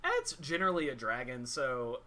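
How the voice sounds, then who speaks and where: A man working as game master, casually narrating a tabletop game in halting, improvised explanations. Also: medium pitch, wildly swooping pitch, pushed and bright, slight background noise.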